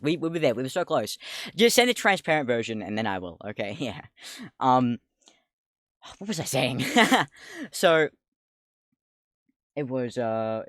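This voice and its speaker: A young male streamer with a deep voice, though his pitch sits in an ordinary male middle range, chats loosely into a desk mic at home. His casual livestream talk rambles and gets easily sidetracked, full of laughter and swearing. The recording is dry, close and slightly bright, with no room sound.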